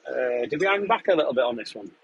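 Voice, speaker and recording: A man's voice: medium pitch, fast, vocal fry, highs cut off, a little hiss or hum. A young man from England live-streaming from his sprayer cab, chatting casually and answering viewers' questions while he works. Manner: relaxed, chatty, answers questions between running commentary on the job. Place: inside a tractor sprayer cab, in a field.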